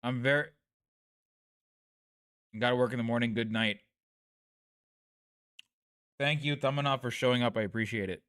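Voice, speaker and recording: A man's voice: mid-range voice, moderate pace, long pauses, a bit bright, clean tone, no echo, clean studio sound. A man hosting a casual late-night news livestream, talking in a self-deprecating way and trailing off. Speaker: livestream host covering news.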